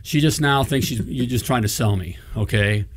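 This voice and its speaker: A middle-aged man hosting a coaching talk show in a studio, speaking into a boom-arm desk mic and driving each point home with "okay?" and "all right?". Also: moderate pace. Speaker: host, plumbing business coach. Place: indoor studio set.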